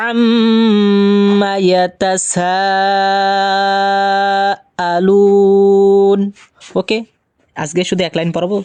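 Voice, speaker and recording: A man teaching Quran reading, patiently asking questions and answering them himself, and slowing to a drawn-out chant when he recites verses. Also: high-pitched, a little mellow, dry recording. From Bangladesh. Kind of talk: recorded Quran recitation lesson.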